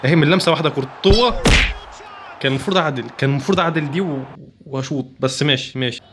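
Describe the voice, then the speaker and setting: A man with an Egyptian Arabic accent giving excitable commentary while playing a football video game, chanting player names in quick bursts. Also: a little high, heavy background noise. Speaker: gaming YouTuber. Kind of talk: live gameplay commentary.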